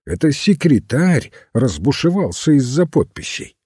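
An eager, easily alarmed young gentleman, as a male reader plays him, his lines rising in lively swings over a husky, mellow tone. The delivery stays unhurried, and the dry, close recording has no room sound. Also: mid-range voice, dry recording, voice pushed up, exaggerated voice. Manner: eager, agitated. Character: excitable, earnest young gentleman.

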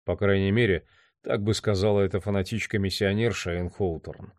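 A man voicing a weary, despairing man who broods quietly to himself, in an audiobook reading. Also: deep voice, fairly even intonation, fairly quick, no room sound, clean studio sound, natural voice. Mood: brooding.

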